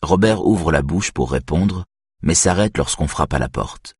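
A man calmly narrating an audiobook in an even reading voice. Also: extremely low pitch, measured pace, husky, dry recording, studio quality. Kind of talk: scripted narration.

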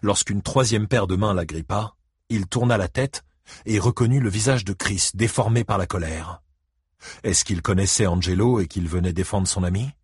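A man narrating a novel as an audiobook, in steady storytelling. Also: lowish voice, normal speed, husky, no room sound, studio quality.

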